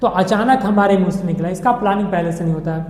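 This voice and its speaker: A man's voice: high-pitched, fast, darkish tone. Patient male teacher in an echoey room. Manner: patient explaining, repeats "okay" often; mixes English words into Hindi. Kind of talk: classroom grammar lesson. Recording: echoey room with long reverb.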